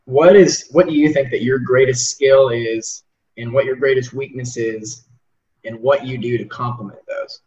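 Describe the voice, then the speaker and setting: A man's voice: mid-range voice, normal speed, darkish tone. A man in his twenties hosting a podcast, talking earnestly in a rambling way with lots of repeated words. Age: 20s. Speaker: podcast host. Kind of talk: casual interview chat. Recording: roomy, distant, dull sound.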